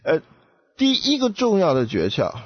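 A man's voice: high voice, huge pitch swings, moderate pace, highs cut off. A man, co-hosting a casual talk show and giving advice emphatically, with rhetorical questions.

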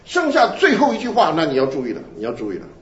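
A man preaching a sermon, animated, asking his listeners questions and answering them himself. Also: on the high side, fast talker. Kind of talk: sermon teaching. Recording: roomy, dull lo-fi recording.

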